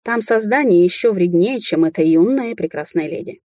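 A woman's voice: lowish voice, lively intonation, fairly quick, warm tone, dry recording, studio quality. Woman voicing a cocky werewolf ruler. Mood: teasing. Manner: growling, teasing. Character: domineering young werewolf ruler man, cocky. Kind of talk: audiobook character voicing.

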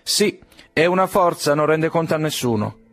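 A man's voice: on the high side, expressive, normal speed, a bit bright, voice pushed up. A man reading an audiobook, playing an earnest young man who speaks up boldly to echo his friend. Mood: assertive. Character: eager young man, a nephew echoing his mentor.

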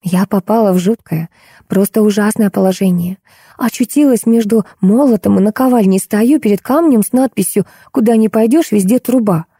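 A woman's voice: medium pitch, moderate pace, warm tone, slightly rough, no echo, clean studio sound. A woman reading the part of a timid, anxious young woman who pleads and frets, in an audiobook. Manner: fretful, pleading. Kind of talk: audiobook character voice.

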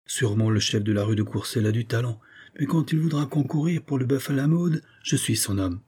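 A man's voice: mid-range voice, lively intonation, a little fast, darkish tone, slightly rough. A male audiobook reader voicing a talkative, good-hearted working man who fusses over his guest. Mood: cheerful. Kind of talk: audiobook character voice.

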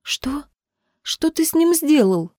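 A woman voicing a frightened, desperate young woman who pleads and breaks into shouts, in an audiobook reading. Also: sits high, sing-song, slow pace, dry recording, studio quality, pitched above the performer's own voice, exaggerated voice. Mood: anguished.

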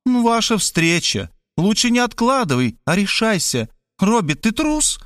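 A man's voice: sits high, very animated, a little slow, fairly bright tone, no room sound, studio quality, pitched above the performer's own voice, exaggerated voice. A man voicing a pushy, scolding elderly mother in an audiobook. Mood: nagging. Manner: scolding, insistent, dramatic. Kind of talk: audiobook character voice.

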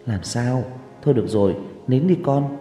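A man's voice: medium pitch, normal speed, mellow, roomy sound, big-room sound, soft background music, close to an everyday voice. A man reading a horror story aloud voices a weary mother who scolds sharply and then soothes her children. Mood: soothing. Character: tired, snappish village mother.

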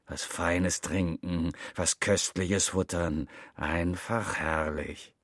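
An actor playing a burly, gruff cook in a radio drama, jeering and wheedling at once. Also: male voice, low voice, steady tone, slow pace, no echo, studio quality.

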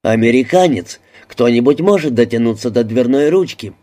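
A man's voice: medium pitch, animated, normal speed, dark tone, lightly acted. A man voicing a dry, sardonic American man keeping his wits in a crowded toilet. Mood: wry.

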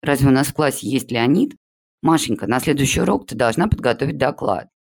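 A man's voice: mid-range voice, expressive, brisk, vocal fry. A man voicing a strict female schoolteacher who bosses a noisy online class. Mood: stern. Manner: stern, bossy, trying to keep order.

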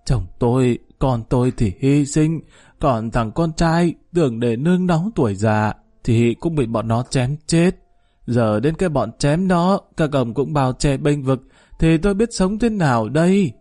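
A man voicing an old grieving village woman who wails out a slow, drawn-out lament in a raised voice. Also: mid-range voice, animated, mellow, close to an everyday voice. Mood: wailing lament. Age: over 60.

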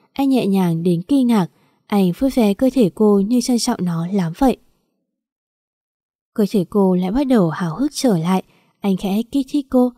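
Mellow-voiced woman reading a story. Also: medium pitch, dry recording, studio quality. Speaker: audiobook narrator. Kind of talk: scripted story narration.

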